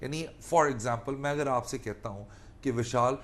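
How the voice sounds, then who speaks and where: Here a Pakistani-accented defence attorney and law lecturer teaches at a measured pace in a mid-range voice. He repeats key points and mixes in English legal terms, and there is slight hiss or hum on the recording.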